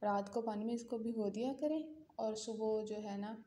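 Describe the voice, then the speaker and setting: A woman's voice: on the high side, fairly even intonation, moderate pace, mellow, a little hiss or hum. A young Pakistani woman with a Pakistani Urdu accent, chatting casually with viewers in a home vlog. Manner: chatty, talks straight to viewers. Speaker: vlogger. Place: home room. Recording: echoey room, faint ambience.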